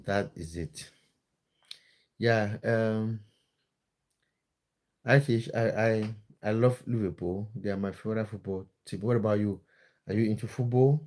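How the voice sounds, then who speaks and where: Low mellow-voiced man chatting. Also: measured pace, pauses often. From Cameroon. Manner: chatty and friendly, with many fillers and hesitant restarts. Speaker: live-stream host and football content creator. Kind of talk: casual live-stream chat reading viewer comments.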